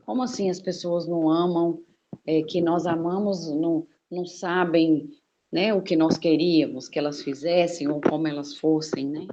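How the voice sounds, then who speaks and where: A woman with a lowish, mellow voice muses aloud in a casual group discussion, pausing and restarting as she reaches for her words. The sound is dull and lo-fi. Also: steady tone, slight background noise. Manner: hesitant, frequent "né?" tags.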